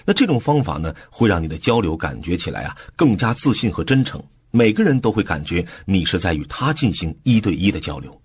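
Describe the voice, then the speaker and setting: Male audiobook explainer, very breathy and husky, lively, easygoing delivery. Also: low-pitched, a little fast, hardly any pauses. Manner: relaxed explanatory, with soft filler particles. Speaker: audiobook book-summary narrator. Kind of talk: conversational book explanation.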